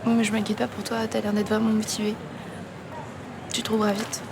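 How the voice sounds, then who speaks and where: A woman's voice: medium pitch, monotone, a little fast, vocal fry, noisy background, natural voice. An actress playing a downhearted young woman who has just lost her job, in a TV soap drama. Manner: glum, discouraged.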